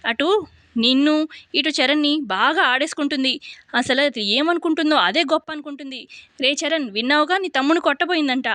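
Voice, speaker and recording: A woman voicing a scheming middle-aged mother-in-law who talks in a sharp, sarcastic way. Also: sits high, brisk, no room sound.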